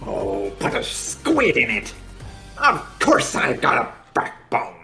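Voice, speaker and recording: A man's voice: mid-range voice, huge pitch swings, slow, vocal fry, sharp tone, echoey room, soft background music, exaggerated voice. A man voicing a blustering, scheming fishman fighter in a theatrical, menacing way for a comic manga dramatization. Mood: outraged. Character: blustering villainous male fishman fighter, hot-tempered, scheming.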